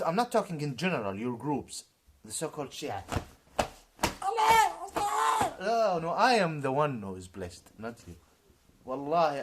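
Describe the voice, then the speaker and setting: A man of about forty rants in a YouTube monologue, halting and repetitive, swinging between shouted outbursts and low muttering.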